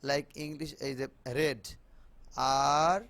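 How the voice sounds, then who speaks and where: A man with a Bengali accent teaching an online spoken English class over a video call, mixing Bengali and English and repeating words slowly for his students. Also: on the high side, little pitch movement, a bit bright.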